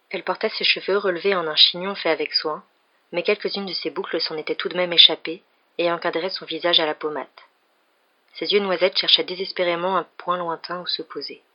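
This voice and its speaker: A woman reading a novel aloud for an evening reading show, in a steady storytelling manner. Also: lowish voice, brisk, highs cut off. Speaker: reader.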